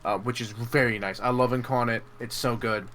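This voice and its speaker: A man's voice: medium pitch, steady tone, a little fast, a bit bright, faint music behind. A man running a tabletop game as game master, talking loosely with many fillers.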